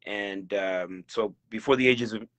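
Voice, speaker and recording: A man's voice: on the low side, measured pace, a bit bright. A man from El Salvador telling his story on a video call, cheerful and laughing often, with lots of fillers and restarts. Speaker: guest real estate investor. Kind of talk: casual video call interview.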